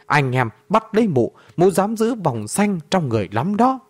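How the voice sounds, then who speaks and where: A man voicing a big rough bald bandit. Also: high voice, sing-song, normal speed, voice pushed up. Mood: excited. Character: huge bald male bandit, loud and eager.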